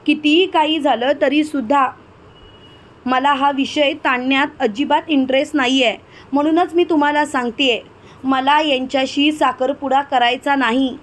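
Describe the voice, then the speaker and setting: A woman's voice: high-pitched, steady tone, normal speed, lightly acted. A woman voicing a proud, defiant young woman who speaks firmly and insistently.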